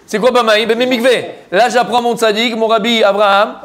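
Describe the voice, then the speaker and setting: A man with a high voice teaches a Talmud class. He repeats each point, quizzes his students and jokes with them. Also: flat delivery, moderate pace, fairly bright tone.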